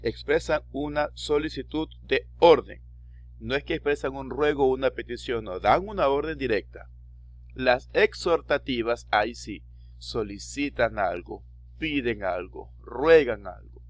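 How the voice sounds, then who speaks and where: A male teacher with an Ecuadorian Spanish accent, giving a recorded distance-school language lesson, explaining slowly, repeating key terms and asking rhetorical questions. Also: medium pitch, expressive, no echo.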